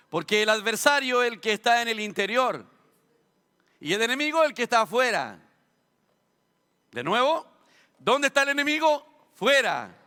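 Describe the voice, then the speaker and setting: A man's voice: very high-pitched, sharp tone. A Chilean man preaching a sermon as a pastor, asking rhetorical questions and dropping humorous asides. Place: church sanctuary. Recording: long church hall reverb.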